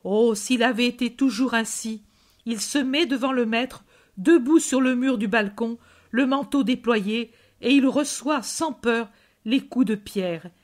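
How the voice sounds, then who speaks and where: Woman narrator, measured solemn reading, fairly high voice. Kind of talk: scripted narration.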